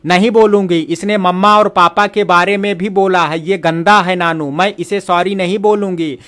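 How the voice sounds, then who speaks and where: A man voicing a stubborn, quick-tempered little girl in a spoken audio story. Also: high-pitched, steady tone, bright, forceful tone. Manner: defiant, sulky.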